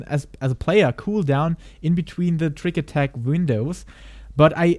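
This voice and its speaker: A man's voice: on the high side, darkish tone, dry recording, clean studio sound. Hesitant, giggly streamer man. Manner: hesitant, laughs often, many restarts. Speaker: streamer reacting to a video. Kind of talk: live stream reaction commentary.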